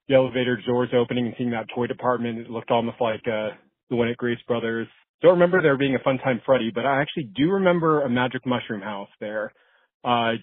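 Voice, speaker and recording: Man leaving a tinny voice message. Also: mid-range voice. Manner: chatty, with many ums and uhs. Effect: voice message played over a phone line. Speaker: podcast listener caller. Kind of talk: casual voicemail. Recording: tinny dry phone line.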